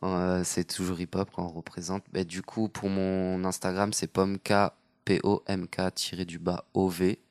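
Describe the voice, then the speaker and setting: A man guesting on a podcast as a street artist, talking in a relaxed, loose, rambling way. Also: low voice, a little slow, few pauses, no room sound. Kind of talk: casual podcast chat.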